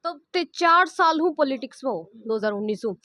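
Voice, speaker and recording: High-voiced Rajasthani woman interviewer. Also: expressive, brisk, pushed and bright, no echo. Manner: asks in local dialect, frequent hums of assent. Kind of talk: interview questions.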